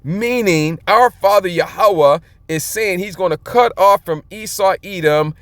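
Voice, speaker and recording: A man's voice: high-pitched, measured pace, a bit bright, dry recording. A man preaching a sermon, reading scripture aloud and breaking in with colloquial, emphatic commentary and chuckles.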